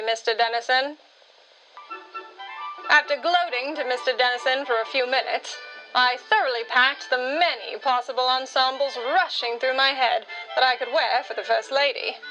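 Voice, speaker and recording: Bright, high self-assured woman narrator. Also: dull audio. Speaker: storyteller. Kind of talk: radio drama narration.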